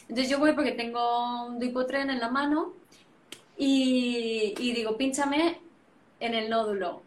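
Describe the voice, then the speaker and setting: Woman, guest therapist, animated, repeats phrases, echoey room. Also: fairly high pitch, unhurried, slight background noise. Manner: animated, repetitive phrasing, frequent tag questions. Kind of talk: reflective conversational explanation. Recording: roomy sound, distant from mic.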